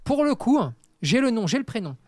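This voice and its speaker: A man's voice: very high-pitched, sing-song, fairly quick, dry recording, clean studio sound. A man co-hosting a casual podcast chat, playing up mock indignation and drama. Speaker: podcast co-host.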